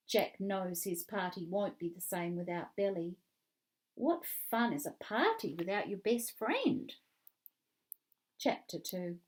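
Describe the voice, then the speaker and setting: Slow storytime reading by a woman, clear and expressive. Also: lowish voice. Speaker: reader. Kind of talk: children's book read-aloud.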